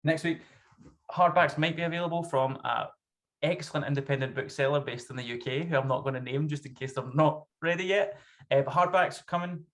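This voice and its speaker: Thick-accented Scottish male, thirties, guest author in relaxed conversational interview, medium pitch. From Scotland. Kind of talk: casual interview chat. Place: small home room, video call. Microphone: video call.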